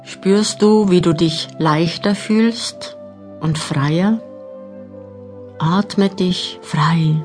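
A woman narrating a guided meditation audiobook, giving measured instructions with long pauses. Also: lowish voice, a little mellow. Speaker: mental training narrator. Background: new-age music.

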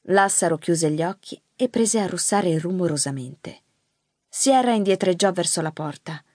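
A woman narrating an audiobook in an expressive, measured storytelling manner. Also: fairly low pitch, no echo. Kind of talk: scripted narration. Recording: dry close studio mic.

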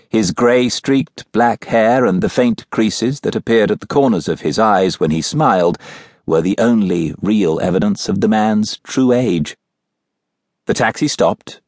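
A man narrating a mystery novel as an audiobook in a measured, even storytelling manner, recorded in a studio. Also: sits low, no echo. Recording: dry, close studio recording.

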